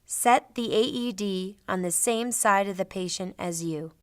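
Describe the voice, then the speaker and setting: A middle-aged woman narrating a scripted training demonstration in a clearly enunciated, instructional manner. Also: medium pitch, measured pace, no room sound. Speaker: instructor, presenter.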